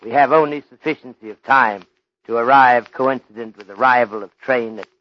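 Philosophical Chinese detective, played by a man: ornate, measured phrasing, mid-pitched, muffled old radio-play recording. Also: no room sound, natural voice. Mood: firm, instructive. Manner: formal, deliberate, ornate speech dropping articles. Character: courteous, stern, philosophical Chinese police detective. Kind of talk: old radio drama acting.

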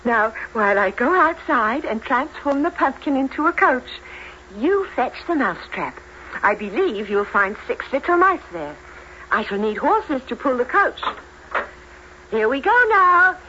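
A woman's voice: sits high, very animated, a little slow, pushed and bright, heavily acted. An actress playing a kindly, absent-minded fairy godmother in a children's fairy-tale drama, speaking with the grand flourish of a stage magician. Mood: grand, delighted. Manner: theatrical magician, grandly incanting and exclaiming. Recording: dull lo-fi recording with faint noise.

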